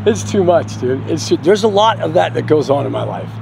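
A man's voice: a little high, sing-song, a little fast, vocal fry, noisy background. A middle-aged man venting in a rambling, profane monologue to camera, swearing constantly and laughing now and then. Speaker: vlogger.

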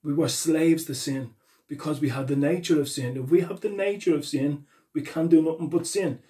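A man delivers an earnest sermon with a mellow, darker tone that sits a little high in pitch. He reads scripture aloud and explains it, often repeating chapter and verse as he goes. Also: moderate pace. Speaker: preacher.

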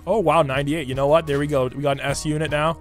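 A gaming YouTuber with a hoarse, raspy smoker's voice, still recovering after losing it, hypes up his game in slangy commentary aimed at viewers, with music playing. His pitch is fairly high, his intonation fairly even, and he talks quickly into a close desk microphone in an indoor computer room.

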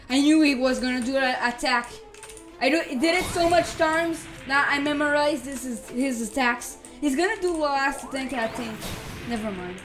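High-pitched, excitable young-sounding gamer voice, female. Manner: excitable, repetitive exclamations, casual slang with frequent "bro". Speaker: gamer playing and commentating. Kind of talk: excited live gameplay commentary. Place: voice-over on screen-recorded gameplay, game music behind.

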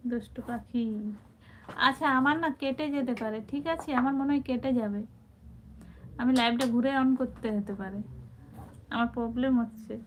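Her fairly high voice stays mostly even, moving at normal speed with frequent pauses. Hosting a relaxed live stream on a tinny, phone-like line with faint noise, she warmly reads out viewer comments and addresses people as brother and sister.

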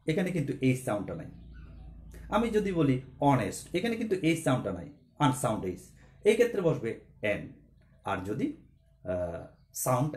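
Guy teaching grammar, kinda high voice that jumps around a lot, echoey room. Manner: explains step by step, asks questions then answers them. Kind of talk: classroom grammar lesson.

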